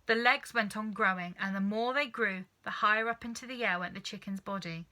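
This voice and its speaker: This is a medium-pitched female storybook reader, speaking a children's story aloud in a careful, expressive narrating manner.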